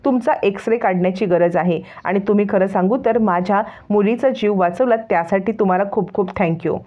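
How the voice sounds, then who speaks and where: A woman voicing a calm, composed young doctor who explains things patiently. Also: medium pitch, a little fast, lightly acted. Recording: tinny phone-like sound.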